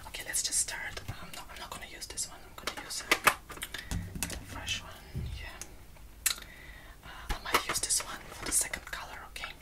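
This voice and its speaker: A young woman doing a whispered role-play as a make-up artist, in a breathy, brisk, repetitive fast ASMR style. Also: distant mic. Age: young adult. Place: small indoor room.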